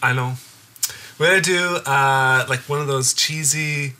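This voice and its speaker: A man collaborating on a video, casually pitching ideas. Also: measured pace, pushed and bright.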